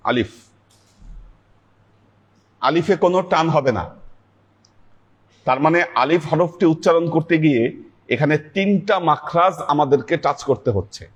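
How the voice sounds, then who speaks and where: A man teaching a class on pronouncing Arabic letters, speaking slowly and patiently, drawing out each letter sound. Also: on the high side, husky, dull audio. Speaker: Sufi teacher leading a weekly class.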